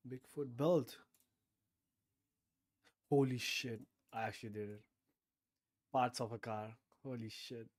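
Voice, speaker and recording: A man's voice: mid-range voice, darkish tone, no echo. A man streaming a guessing game, thinking aloud with frequent swearing and sudden bursts of disbelief. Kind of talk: casual game commentary.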